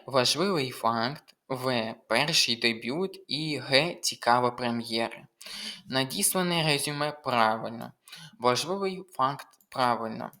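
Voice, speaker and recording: Young male tutor, mid-pitched voice, reads test options aloud and explains each one methodically. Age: young adult. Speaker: language tutor. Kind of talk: test walkthrough lesson.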